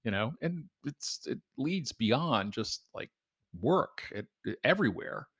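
Middle-aged man, gravelly husky voice, blunt, profane, casual storytelling. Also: medium pitch, very animated, measured pace, fairly bright tone, no room sound, studio quality. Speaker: podcast co-host. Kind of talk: casual chat.

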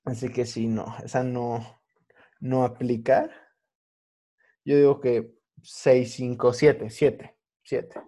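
A Mexican man hosts a casual podcast in a mellow, relaxed voice of middling pitch. His talk is full of local slang and slips into Spanglish with English words here and there. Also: slow pace. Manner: slangy young urban Mexican speech with English words mixed in. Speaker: podcast host.

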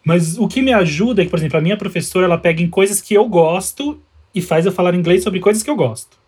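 Man, podcast co-host, rapid delivery, husky voice. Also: high voice. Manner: fast, relaxed storytelling. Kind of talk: casual podcast chat.

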